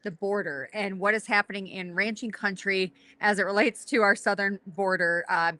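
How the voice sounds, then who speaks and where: A woman's voice: mid-range voice, steady tone, moderate pace, pushed and bright, no room sound. A woman with a South Dakota accent hosting a casual podcast interview in an upbeat, chatty way. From South Dakota, USA.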